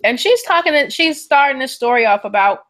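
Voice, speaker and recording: A high-pitched woman speaking at a moderate pace co-hosts a podcast in a casual chat, relaxed and backing her partner with frequent agreement and lots of mm-hmms.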